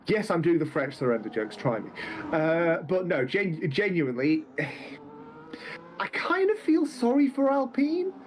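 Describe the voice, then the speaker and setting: A man's voice: fairly high pitch, sing-song, slight background noise. A man of twenty commentating a sim racing event live, calling the action and joking with his co-host. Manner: joking, quick banter between race calls.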